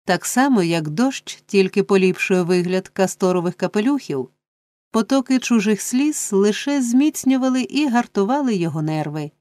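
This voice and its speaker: A woman narrating a classic novel as an audiobook, measured and expressive. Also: medium pitch, dry recording. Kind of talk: scripted literary narration.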